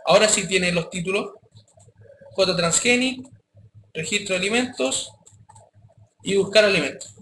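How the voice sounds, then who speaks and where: A man teaching a coding class, his voice high and bright. He speaks casually and keeps checking that the students follow. The sound is echoey, with faint background noise. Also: unhurried, long pauses. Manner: casual, addresses students directly with frequent checks. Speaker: programming teacher. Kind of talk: live classroom coding lesson.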